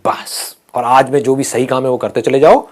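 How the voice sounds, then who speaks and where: A man leading a live motivational session for students, animated and playful, often asking the audience questions. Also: mid-range voice, normal speed. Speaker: motivational speaker.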